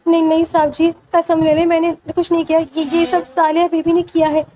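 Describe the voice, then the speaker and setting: A woman's voice: very high-pitched, completely flat delivery, warm tone, poor audio. A woman playing a tearful pleading maid. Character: frightened pleading female servant.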